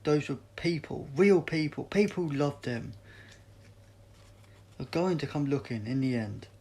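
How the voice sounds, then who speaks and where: A man reading the lines of a brisk, cheeky male doctor and space traveller in an audiobook, with pointed questioning. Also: a little high, expressive, warm tone, husky, exaggerated voice. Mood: indignant. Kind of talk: audiobook character dialogue.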